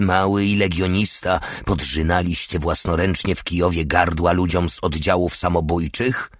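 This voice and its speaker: Brief: man reading a deep-voiced, reproachful veteran sergeant, close and dry. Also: no echo. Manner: reproachful, lecturing. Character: stern older male sergeant, indignant.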